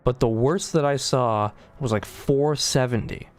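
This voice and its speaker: A man with a mid-range voice speaks a little slowly over soft background music. He's a podcast co-host at a late hour, drowsy and yawning, chatting casually in a rambling, sarcastic manner packed with fillers.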